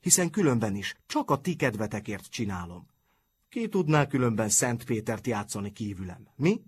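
A man voicing an always-hungry, grumbling schoolboy with a husky voice. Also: mid-range voice, big pitch swings, darkish tone, slight background noise, lightly acted. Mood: boastful. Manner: grumbling, muttering.

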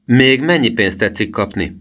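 A man's voice: medium pitch, expressive, a bit bright, voice pushed up, close to an everyday voice. A man voicing an eager, polite young boy in a storybook reading, talking earnestly and courteously.

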